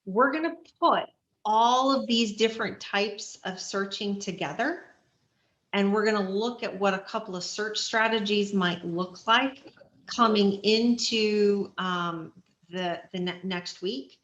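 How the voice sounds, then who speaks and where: A woman's voice: medium pitch, a little slow, fairly bright tone, echoey room, lo-fi sound. A woman instructor explaining search dog strategy to a class in a practical, step-by-step way with frequent fillers. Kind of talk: online class lecture.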